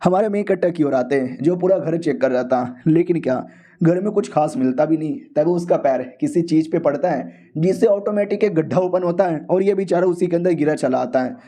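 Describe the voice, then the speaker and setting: Young male recap host, chatty and casual, high-pitched, soft mellow timbre. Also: fairly quick. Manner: chatty, mixes English words in. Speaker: recap video narrator. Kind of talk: casual Hindi story recap narration.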